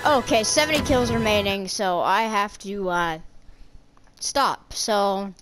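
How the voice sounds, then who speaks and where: A woman's voice: mid-range voice, slow. Chatty woman commenting over game music. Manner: chatty, reacting loudly to the game and drinks. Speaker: gamer. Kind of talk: casual gameplay commentary. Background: game music and sound effects.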